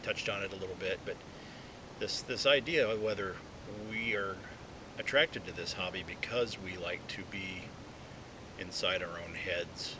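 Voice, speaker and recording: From inside a hollow tree outdoors, a man who vlogs about pipe smoking speaks casually and reflectively to viewers by himself. His speech comes out halting because of the pipe in his mouth, over a noisy outdoor background with a low rumble.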